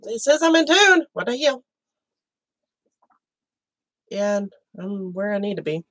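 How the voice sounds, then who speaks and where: A woman's voice: medium pitch, very animated, slow pace, a bit bright, dry recording. A woman with allergies chatting casually and self-mockingly while she plays music on a live stream. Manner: self-deprecating, swears, muttering while playing.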